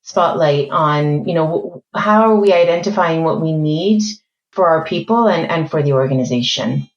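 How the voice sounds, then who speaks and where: Her accent blends French, Spanish, American and British influences: she was born in France, grew up mainly in Spain, and now speaks as a podcast guest in her role as a corporate learning executive. Her deep voice is measured and articulate, with fillers as she thinks aloud. The sound is reverberant and lo-fi.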